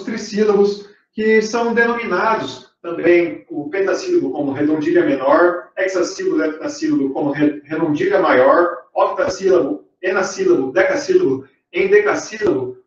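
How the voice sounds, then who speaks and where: A male teacher giving a recorded lesson over slides, explaining step by step and checking in with his students. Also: sits high. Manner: explanatory, with frequent fillers and check-in questions. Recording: distant mic, very echoey room, dull sound.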